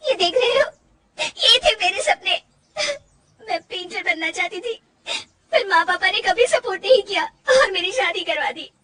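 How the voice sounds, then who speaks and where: A woman's voice: high-pitched, lively intonation, fast talker, pitched above the performer's own voice. A woman voicing a young unhappy wife who dreams of painting, answering sharply and breaking into tears. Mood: crying. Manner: sulky, sharp, tearful when pushed.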